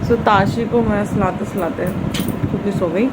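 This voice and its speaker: A woman's voice: medium pitch, moderate pace, background noise. A young woman chatting casually in a home vlog, talking to her viewers and asking them questions. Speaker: vlogger.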